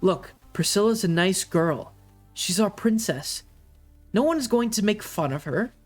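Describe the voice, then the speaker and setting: A game master voicing a calm, loving father in a tabletop game, speaking slowly and soothingly. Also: mid-range voice, soft background music. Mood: firm. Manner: slow, soothing.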